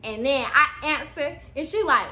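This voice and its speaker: A storytime vlogger, a young adult woman with a high voice, talks at a normal speed as she tells a story straight to camera. Her chat wanders in a loose stoner fashion, slangy and informal with animated asides. Faint noise and room echo are audible.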